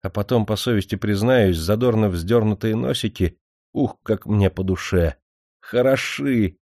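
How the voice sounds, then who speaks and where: A man's voice: lowish voice, measured pace, a little mellow, no echo, studio quality. A man voicing an impatient, lovesick young landowner who keeps exclaiming. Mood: excited. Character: boisterous young male landowner, lovesick and spoiled. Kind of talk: audiobook character voice.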